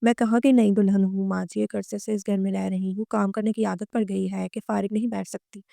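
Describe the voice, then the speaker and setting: A woman's voice: medium pitch, flat delivery, brisk, creaky, dark tone, no room sound, studio quality. Woman reading as an earnest young bride. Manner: polite, earnest.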